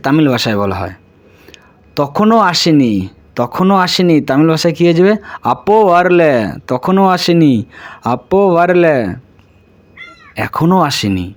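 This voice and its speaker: A man giving a casual spoken language lesson, repeating each phrase slowly and then explaining what it means. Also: fairly high pitch, a little mellow. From India. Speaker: language teacher.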